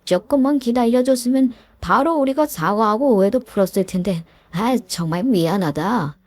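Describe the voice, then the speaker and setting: A woman's voice: fairly high pitch, expressive, normal speed, a little mellow, dry recording, pitched above the performer's own voice. A woman voicing a desperate, groveling middle-aged man who once bullied his classmate, pleading and whiny with many fillers. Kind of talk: story narration with acted dialogue.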